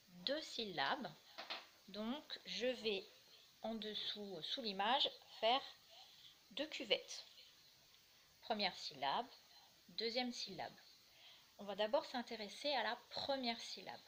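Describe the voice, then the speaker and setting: Slow, patient woman teacher. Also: mid-range voice, bright, forceful tone, slight background noise. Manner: slow, patient, sounds out syllables. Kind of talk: early-reading lesson.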